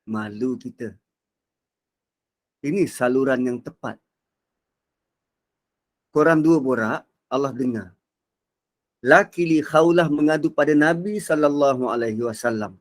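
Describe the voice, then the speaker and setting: A man giving a Quran reflection lecture. He is expressive and swings between soft and loud delivery. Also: mid-range voice, unhurried, pauses often. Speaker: religious teacher.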